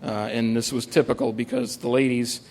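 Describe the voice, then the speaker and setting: A man's voice: mid-range voice, flat delivery, normal speed, a little mellow, a little hiss or hum. A man telling a true story on stage at a live event, with a wry, dry humor and frequent "uh" fillers. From United States.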